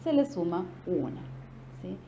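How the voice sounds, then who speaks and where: A woman teacher explains verse meter patiently and keeps checking in with her students. She taps out the beat and slows down to recite lines. The room is echoey, with a faint hiss behind her. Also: lowish voice, big pitch swings, warm tone. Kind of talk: recorded literature lesson.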